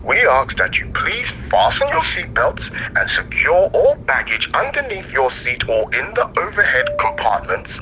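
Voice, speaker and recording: A man's voice: medium pitch, a little hiss or hum. A man playing a spaceship crew announcer giving a boarding announcement over the intercom, formal with jokey asides. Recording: muffled lo-fi intercom sound.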